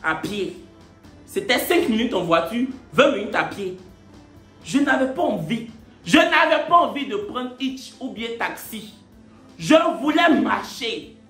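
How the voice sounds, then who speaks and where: A man telling a story in a playful, animated way and laughing often. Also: very high voice, roomy sound. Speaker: vlogger. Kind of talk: casual storytelling.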